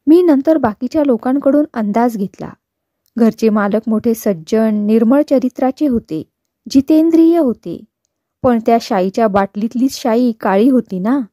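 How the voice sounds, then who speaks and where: Narrator, woman, higher pitch, mellow tone, dry close sound, steady storybook reading. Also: moderate pace, dry recording. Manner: steady, even storytelling with quoted dialogue. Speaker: novel reader. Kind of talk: scripted narration of a novel.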